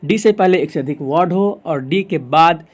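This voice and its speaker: Casting: high-voiced Indian man as tutor; poses a question, answers it, repeats the rule. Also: moderate pace. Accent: Indian English. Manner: asks the class questions and answers them himself, repeats rules. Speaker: English pronunciation teacher. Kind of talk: explaining lesson in Hindi.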